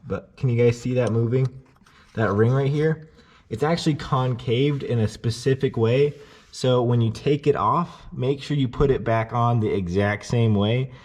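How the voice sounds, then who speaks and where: A man's voice: medium pitch, moderate pace. A man casually talking viewers step by step through timing a car engine while he works on it in a garage. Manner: relaxed step-by-step explaining, addresses viewers directly. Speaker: car repair vlogger. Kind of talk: casual how-to tutorial.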